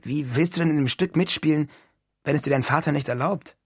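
Man doing a quiet unsure teen boy, husky, dry close mic. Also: on the high side, brisk, no room sound. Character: shy, hesitant teenage boy. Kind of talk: audiobook reading.

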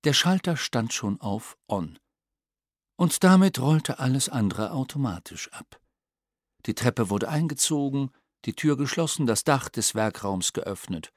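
Lively male storybook narrator. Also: mid-range voice, measured pace, no room sound, studio quality. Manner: expressive, playful storytelling. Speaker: audiobook narrator.

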